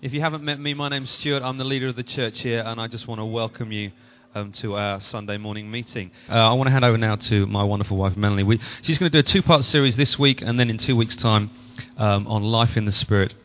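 A man's voice: mid-range voice, fairly even intonation, fast talker, hardly any pauses. A man speaking as church leader and host, giving an informal welcome and introducing a speaker. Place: church meeting. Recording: slightly muffled sound.

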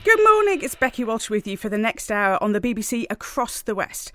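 A woman's voice: a little high, very animated, fairly quick, music in the background. A woman hosting a radio show from a studio, chatty, frank and playful as she gives advice. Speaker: radio presenter.

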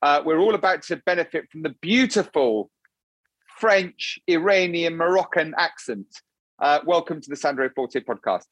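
A man presents a podcast in a fairly high voice with a very dry, close sound. His phrasing is deliberate and courteous, with effusive praise in a polished hosting style. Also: animated, a bit bright, husky, dry recording. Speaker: podcast host. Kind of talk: scripted introduction and interview hosting.

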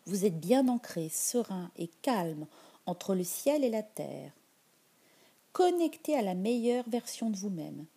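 A woman leading a guided meditation in a soft, soothing voice that drifts into whispers. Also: mid-range voice, sing-song, slow, slightly rough.

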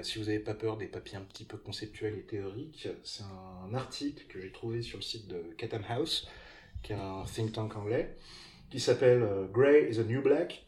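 A man's voice: fairly low pitch, darkish tone. A man co-hosting a podcast, chatting casually about what he recommends, with frequent hesitations and wry asides. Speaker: podcast co-host. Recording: echoey room with faint noise.

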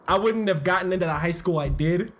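A young man chatting casually about his start in rap, loose and quick to laugh. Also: high-pitched, fairly bright tone. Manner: laughs often, loose storytelling with fillers. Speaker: guest rapper. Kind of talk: casual chat.

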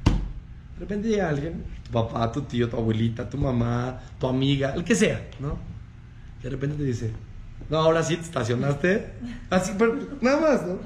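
A rabbi, giving a lively talk to an audience and acting out the people he quotes in changing voices. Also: mid-range voice, normal speed. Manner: acts out quoted people in shifting voices, addresses audience directly. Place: room with a live audience. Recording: echoey room with faint ambient noise.

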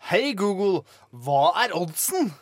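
Excitable bumbling man played by a man, high voice that swoops around a lot, blustering, dry sound, live radio comedy. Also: no echo.

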